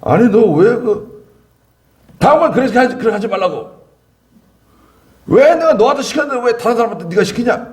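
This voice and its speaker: A man voicing a stern older male pastor who shouts and scolds a young helper in front of a crowd. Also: extremely high pitch, lively intonation, brisk, pauses often, voice pushed up. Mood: angry scolding.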